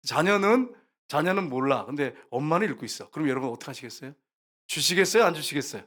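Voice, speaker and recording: A man's voice: on the high side, expressive, quick pace, a bit bright. A man preaching a sermon as pastor, talking to the congregation and acting out quoted lines from scripture. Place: church sanctuary.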